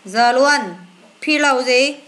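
A woman's voice: high voice, steady tone, slow pace, fairly bright tone, slight background noise. A woman teacher, going through an English test with a child, asking questions and answering them herself.

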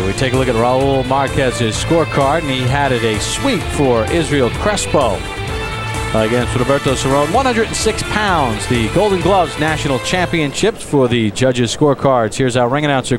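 A man's voice: mid-range voice, animated, normal speed, music in the background. An American man giving television boxing commentary as the play-by-play announcer. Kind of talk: sports commentary. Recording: TV broadcast with arena crowd.

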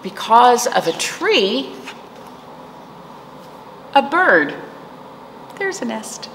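Very slow and sing-song, her voice sits on the high side with a bit of brightness. The middle-aged speaker is a children's librarian leading a virtual storytime of rhymes and read-aloud for young kids, keeping things simple and pausing to ask questions. She's seated in a small indoor library room, captured in an echoey recording with background noise.

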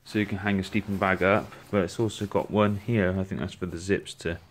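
Brief: a man, lowish voice, relaxed and chatty, reviewing gear on a handheld phone at home. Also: brisk, a little hiss or hum. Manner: chatty, relaxed, with frequent restarts. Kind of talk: casual product walkthrough. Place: indoors at home, on a rug.

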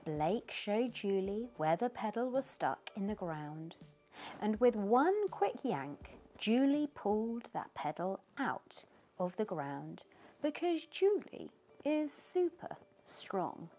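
In a living room, a middle-aged British woman reads a picture book to young children and asks them questions as the story goes along. Her mid-range voice is mellow and very animated, delivered in a slow, sing-song style.

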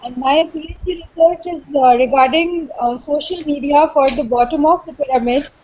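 A woman from India, a doctoral student, introducing her research in an online class, speaking quickly with fillers. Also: high voice, warm tone, a little hiss or hum. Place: video call. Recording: dull lo-fi online call audio.

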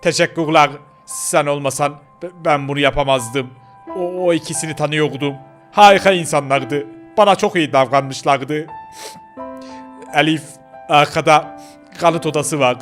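A man acts out a nervous young local man in a game role-play. He hesitates and trips over his words in a high, sharp voice. Faint music runs underneath. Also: normal speed, lightly acted. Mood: anxious. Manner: hesitant, stammering.

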